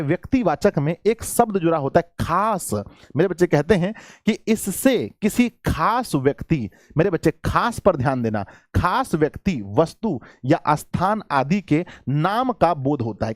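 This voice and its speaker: A male teacher with a fairly high voice runs a grammar lesson. He fires questions at his students, answers them himself, and repeats each example with rising emphasis. The sound is dry and close to the mic. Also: no room sound. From Bihar, India. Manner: calls students "my children", asks questions then answers them.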